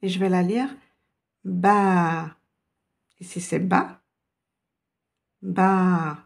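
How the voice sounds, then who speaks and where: A woman's voice: fairly low pitch, a little fast, creaky, darkish tone. A woman teaching a beginner language lesson, explaining patiently step by step. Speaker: Arabic teacher.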